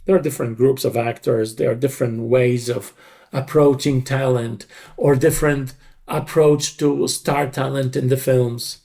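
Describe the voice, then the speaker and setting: An older dubbing director explains his craft emphatically in an interview, repeating words for stress. His mid-range voice is mellow, creaky, untrained and slightly tired, with fairly even intonation and a normal speed.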